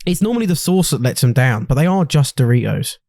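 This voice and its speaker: A man's voice: mid-range voice, big pitch swings, fast talker, creaky, darkish tone, dry recording, clean studio sound. A young man co-hosting a podcast, teasing and swearing in casual banter. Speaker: podcast co-host. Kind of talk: casual chat.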